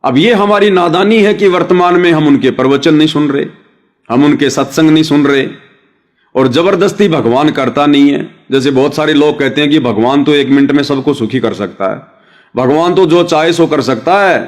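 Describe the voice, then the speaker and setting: A man's voice: on the high side, moderate pace. A man giving a devotional sermon, explaining with everyday examples and addressing his listeners as brothers and sisters. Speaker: devotional speaker.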